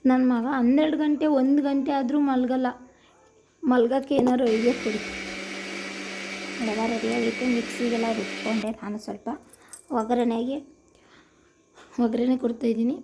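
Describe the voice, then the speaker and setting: A woman's voice: on the high side, fairly even intonation, normal speed, long pauses, noisy background. A woman from Karnataka casually narrating a cooking vlog in her home kitchen, chatty and homely, repeating her phrases. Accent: Kannada, Karnataka. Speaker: vlogger.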